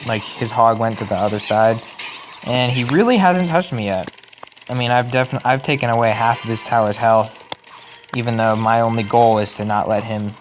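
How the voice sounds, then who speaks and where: Young male gaming host, casual self-correcting play-by-play, voice going hoarse, noisy home recording. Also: lowish voice. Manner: rambling, self-correcting, chatty. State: losing his voice. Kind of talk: casual gameplay commentary.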